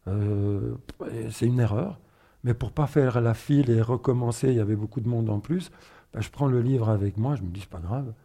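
A middle-aged man from northern Spain, a guest in an interview, speaking reflectively and haltingly with fillers and restarts. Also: mid-range voice, mellow. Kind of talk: personal testimony interview.

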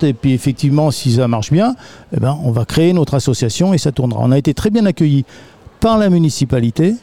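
A man's voice: fairly high pitch, warm tone. A man, an aikido teacher, patiently explaining his martial art in a radio interview recorded in a community hall.

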